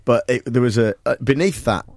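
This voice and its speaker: A man's voice: medium pitch, a little fast, darkish tone, dry recording, clean studio sound. Rambling, insistent British male radio host. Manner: rambling, insistent, repeats himself. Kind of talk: comic casual radio chat. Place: radio studio.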